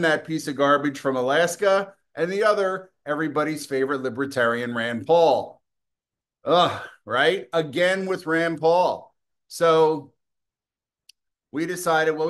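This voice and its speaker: A man's voice: fairly high pitch, unhurried, fairly bright tone. A middle-aged man hosting a political commentary show, delivering a combative, scornful and profane opinion monologue, with occasional coughing.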